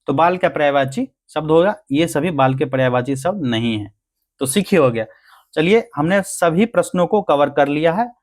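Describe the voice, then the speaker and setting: A man with a somewhat high voice and lively intonation teaches grammar for an exam, speaking at normal speed. He goes through every answer step by step, posing questions and answering them on his own.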